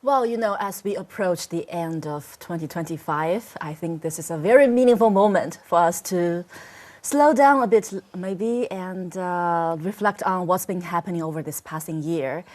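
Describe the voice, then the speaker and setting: A woman hosting a conversational podcast, speaking in a friendly, unhurried way with a few fillers. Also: on the low side, darkish tone. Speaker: podcast host.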